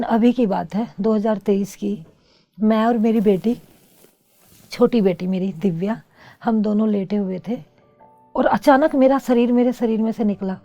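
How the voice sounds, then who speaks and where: A middle-aged woman with a gravelly, dark-toned voice speaks earnestly and reflectively about her personal experiences. The recording is slightly dull, and soft music plays faintly beneath her. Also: fairly high pitch, dry recording. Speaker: interview guest. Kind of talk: personal testimony.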